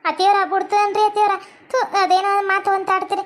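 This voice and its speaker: Lady voicing a wronged young daughter-in-law, pleading, north karnataka accent, high and quick. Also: completely flat delivery. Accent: North Karnataka Kannada. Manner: pleading, defensive. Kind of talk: cartoon comedy voice acting.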